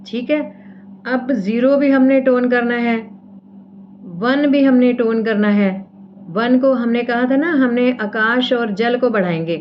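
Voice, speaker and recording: A woman's voice: a little high, muffled recording. Woman demonstrating acupressure, faint hum. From India. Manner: explains step by step, repeats "theek hai" often. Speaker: acupressure teacher. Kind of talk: casual demonstration lesson.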